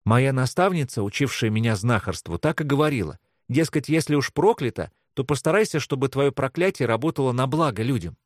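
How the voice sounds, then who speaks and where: A soft, polite voice for a shy young girl who apprenticed to a healer, as a male reader puts her on. Her speech is gentle and apologetic, with a lively lilt. The sound is dry and close. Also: medium pitch, a little fast, few pauses, no room sound, close to an everyday voice. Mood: mild. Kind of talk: audiobook character voice.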